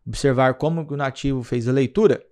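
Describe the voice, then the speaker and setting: A man's voice: medium pitch, fast talker, darkish tone, smooth. A man with a Brazilian Portuguese accent, an English teacher walking viewers through an app in a screen-recorded tutorial, patient and explanatory, often checking in with the listener.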